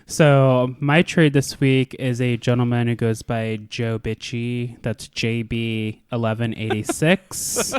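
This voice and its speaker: Male podcast co-host, casual and campy, sassy slang, smooth tone, no room sound. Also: medium pitch, level tone, takes it slowly, few pauses, dry recording. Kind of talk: casual chat.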